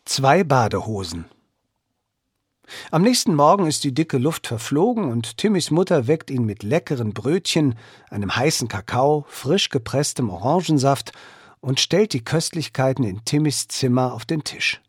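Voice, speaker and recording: A man narrating a children's story in an expressive, lively storytelling way. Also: mid-range voice, normal speed, slightly rough, no room sound, studio quality. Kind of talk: children's story read-aloud.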